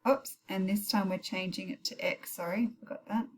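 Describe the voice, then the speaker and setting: Over slight background noise, a woman speaks at normal speed with medium pitch and fairly even intonation. She is teaching maths in an informal recorded tutorial, thinking aloud through calculator steps and catching her own errors with brief apologies. It was recorded as heavy rain poured outside.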